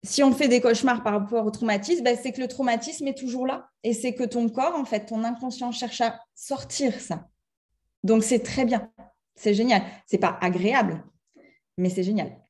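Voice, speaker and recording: A middle-aged French woman gives a lively talk to an audience in a conference room. Her voice sits a little high, with a mellow, relaxed tone. She chats directly with the room and slips into short acted-out scenes. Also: moderate pace. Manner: animated, acts out little scenes in different voices; chatty, addresses the audience directly. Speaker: speaker giving a talk on emotions.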